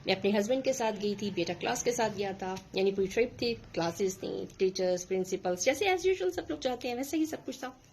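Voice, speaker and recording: A middle-aged woman, telling a story in a casual vlog in an animated, indignant way. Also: mid-range voice, a little fast, slight background noise. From Pakistan. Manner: animated, indignant, acts out quotes. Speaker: vlogger.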